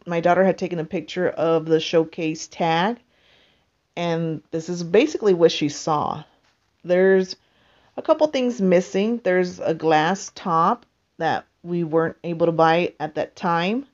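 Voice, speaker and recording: Slow, low-voiced woman narrating a home vlog. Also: darkish tone, muffled recording. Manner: unhurried, explains step by step with many pauses. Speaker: vlogger. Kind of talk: casual voice-over narration.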